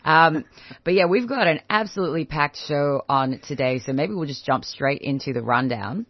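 A man with an Australian accent hosting a community radio breakfast show, his voice hoarse and croaky from yelling, chatting casually with fillers. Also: fairly high pitch, animated, normal speed, dry recording, lo-fi sound.

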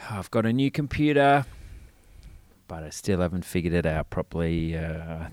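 A man hosts a radio podcast in a chatty, self-mocking way, asking listeners to put up with him. His fairly low voice still comes out thin and tinny with no bass. It was picked up by a laptop's built-in mic, and the sound is dry and close. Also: normal speed, a little mellow, no room sound. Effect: thin tinny sound with no bass, recorded through a laptop mic. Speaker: radio show host. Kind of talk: casual spoken intro to a podcast.

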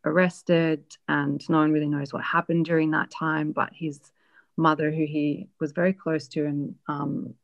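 Woman, low voice, reflective, halting with fillers, interview storytelling. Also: flat delivery, creaky, lo-fi sound. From Australia. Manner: reflective, hesitant with frequent fillers.

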